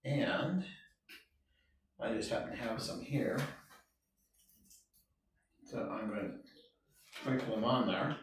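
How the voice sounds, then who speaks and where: A man's voice: fairly low pitch, slow pace, pauses often, noisy background. A man giving a casual cooking demonstration in a home kitchen, chatting as he works and correcting himself along the way. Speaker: home cook. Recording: very echoey room, mic far off.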